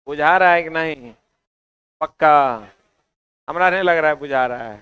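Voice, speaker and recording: A man's voice: on the high side, normal speed, smooth, no room sound, narrow, tinny audio. A man with a Bihari accent teaching an exam-prep class in a chatty, teasing, coaxing way.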